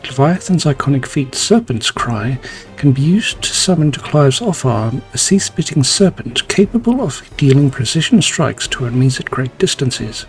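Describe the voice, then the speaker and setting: A man reading scripted video game tutorial narration in a formal, measured, explanatory manner. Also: medium pitch, very animated, faint music behind, poor audio.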